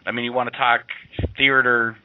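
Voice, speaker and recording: A man's voice: medium pitch, level tone, normal speed, slight background noise. A man co-hosting a radio talk show, chatting casually and laughing easily. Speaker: co-host. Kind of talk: casual chat. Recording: tinny phone-like line, dry.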